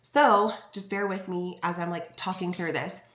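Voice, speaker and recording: A woman's voice: fairly low pitch, steady tone, normal speed, fairly bright tone. A young woman with a congested, stuffy voice, talking through a casual vlog recap. Her delivery is chatty, and "like" keeps popping up in her speech. The room around her rings with echo. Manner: chatty, frequent "like" fillers. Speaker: bikini fitness competitor and vlogger. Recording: echoey room.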